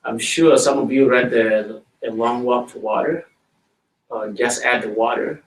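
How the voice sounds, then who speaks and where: A middle-aged man from South Sudan, speaking English with a South Sudanese accent, giving a plain, slow storytelling talk to schoolchildren in a school library. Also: mid-range voice, fairly even intonation. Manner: plain, slow-paced storytelling, addressing children directly. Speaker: guest speaker. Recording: roomy hall audio from a distance.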